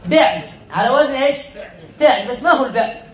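High-pitched male teacher quizzing his class, roomy echo. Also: expressive, fast, background noise. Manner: quizzes students, repeats and corrects himself, chuckles. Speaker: sheikh teaching Arabic morphology. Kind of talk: classroom lesson. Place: classroom with students.

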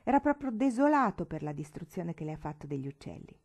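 A woman reading an audiobook, voicing a cold, haughty mother who speaks calmly with clipped, acid disdain. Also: on the low side, quick pace.

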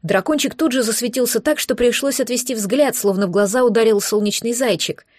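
A woman narrating a first-person fantasy novel in a gentle, expressive storytelling manner, close to the microphone. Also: fairly high pitch, fairly quick, no echo. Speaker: audiobook narrator.

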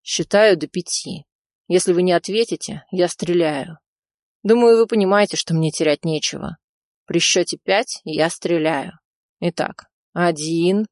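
A grim male lieutenant colonel, put on by a woman reading the story, speaks with slow, measured menace in a low voice. Every word lands flat and deliberate, and the sound is dry and close, with no room around it. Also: no echo, natural voice. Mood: menacing.

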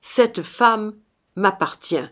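A woman's voice: medium pitch, very slow. A woman doing a stern holy avenger. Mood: commanding. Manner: commanding, solemn, loud. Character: stern young man, holy avenger brother. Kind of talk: audiobook reading.

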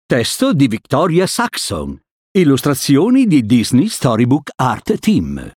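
A man reading a storybook aloud to children in an animated, sing-song way. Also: mid-range voice, takes it slowly, breathy edge, dry recording, studio quality. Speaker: narrator.

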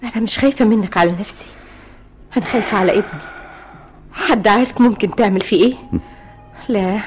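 A woman's voice: medium pitch, fast, darkish tone, slight background noise, lightly acted. An actress with an Egyptian accent playing an anxious middle-aged mother pleading with her husband in a radio drama. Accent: Egyptian Arabic.

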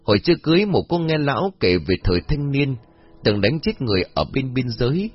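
Guy reading a creepy story, husky, low-fi sound, faint music behind. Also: big pitch swings, a little fast. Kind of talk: scripted horror narration. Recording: dull lo-fi audio with faint music.

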